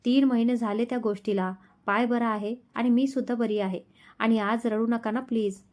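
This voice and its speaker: A woman reading a loving, gently bossy young wife. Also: fairly high pitch, steady tone, moderate pace, lightly acted. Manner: affectionate, pleading.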